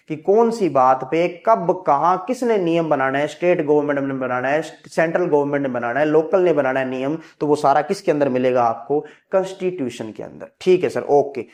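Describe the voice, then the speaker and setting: In an exam-prep civics lesson, a man with a voice on the high side and a darkish tone asks questions and answers them himself the way students would, quoting them as "sir." He often checks that the class has understood.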